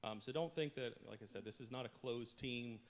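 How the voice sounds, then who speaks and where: A man speaking as a guest from a church stage to a congregation. His delivery is loose and conversational, full of fillers and playful asides. His voice sits at an ordinary middle pitch. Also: brisk. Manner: jokey, self-deprecating, many fillers. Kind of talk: casual joking sermon talk.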